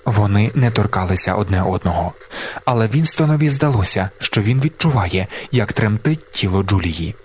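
Measured male audiobook narrator. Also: on the low side, expressive, noisy background. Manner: measured, slowing for emphasis. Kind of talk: scripted narration.

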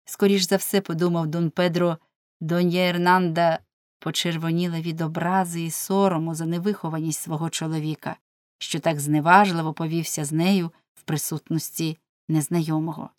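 A woman narrating an audiobook in a measured, expressive reading style. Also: sits low, dry recording, studio quality.

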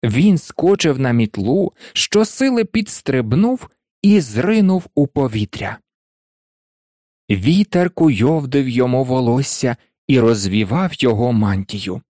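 A man narrating a storybook aloud in an expressive, dramatic reading. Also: mid-range voice, measured pace, dry recording. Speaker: audiobook narrator. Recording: dry close recording.

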